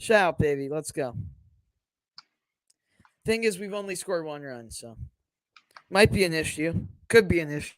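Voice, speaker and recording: A young man co-hosting a podcast, chatting casually and calling the game at a watch party, rambling and excitable. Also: on the high side, measured pace, long pauses, no room sound. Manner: rambling, excitable, lots of fillers and laughs. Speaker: podcast co-host and Cubs fan. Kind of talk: casual play-by-play chat during a watch party.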